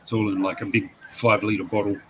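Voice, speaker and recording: A man co-hosting a casual stream chat, telling things at length with many pauses and ums. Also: on the low side, flat delivery, a little hiss or hum, rough recording. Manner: rambling, hesitant, many ums.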